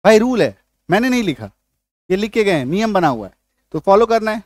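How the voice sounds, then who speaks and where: A man's voice: high-pitched, sing-song, fairly quick, no echo, studio quality. A man teaching an English pronunciation lesson, spelling words out letter by letter and asking rhetorical questions.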